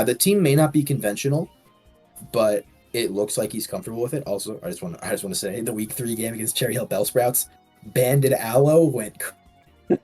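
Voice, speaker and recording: A man's voice: medium pitch, a little mellow. A man co-hosting a casual commentary show, rambling with frequent restarts. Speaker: co-host.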